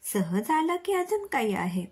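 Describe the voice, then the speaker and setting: A woman voicing an easygoing, joking young man, a playful brother, in a storybook reading, with a breathy voice. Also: a little high, sing-song, unhurried, a little mellow.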